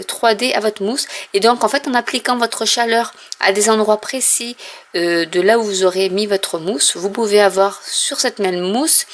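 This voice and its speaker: A French-speaking woman presenting a casual craft product haul at home, explaining in a chatty way with frequent fillers. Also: medium pitch. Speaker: craft vlogger.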